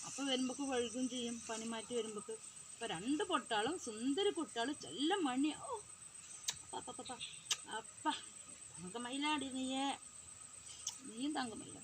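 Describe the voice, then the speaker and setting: A woman's voice: sits high, normal speed. A woman playing mother to her dolls, talking in fond, coaxing, motherly chatter. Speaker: vlogger. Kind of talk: pretend play, mothering dolls. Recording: clear background noise.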